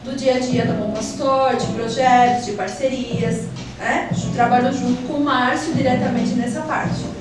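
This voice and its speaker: Woman, 40s, high voice, chatty guest, noisy background. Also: steady tone, normal speed. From Peru, Lima. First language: Spanish. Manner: warm, chatty, many "então, assim" fillers. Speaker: school manager, interview guest. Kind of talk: casual interview answers. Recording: echoey room, distant mic, background noise.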